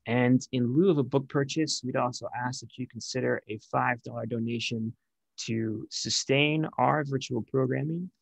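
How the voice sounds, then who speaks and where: Young man hosting with a husky voice. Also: mid-range voice, steady tone, no echo, poor audio. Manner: reads notes with small filler pauses. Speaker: bookstore event host. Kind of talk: scripted event introduction. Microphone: headset on a video call.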